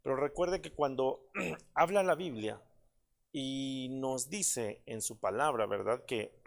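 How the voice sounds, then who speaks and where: A man's voice: medium pitch, vocal fry. A man, a pastor, preaching a prayer-service sermon in an earnest manner with many fillers and repeated calls to his listeners.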